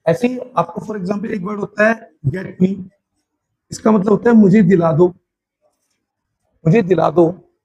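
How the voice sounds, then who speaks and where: A man with an Indian accent teaching a spoken English class in Hindi, saying his English example phrases slowly and drawn out. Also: high-pitched, creaky, darkish tone, breathy edge, highs cut off.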